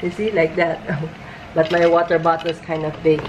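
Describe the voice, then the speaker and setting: A woman's voice: sits low, level tone, moderate pace, noisy background. Chatty woman reviewing while wearing a face mask. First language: not English. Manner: chatty, hesitant, restarts words. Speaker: beauty vlogger. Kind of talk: casual product review. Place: home room by a bright window.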